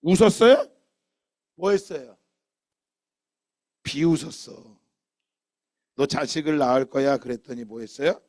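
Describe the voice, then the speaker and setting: A man preaching a sermon as a pastor, asking the congregation questions and answering them himself, swinging between loud emphatic lines and quiet low ones. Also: expressive, unhurried, pauses often, no room sound, studio quality.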